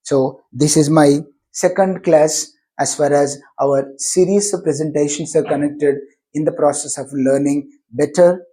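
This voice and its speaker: A man's voice: fairly high pitch, fairly even intonation, dark tone, low-quality recording. Indian-accented man teaching English. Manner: explanatory, with drawn-out example words. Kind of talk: spoken grammar lesson.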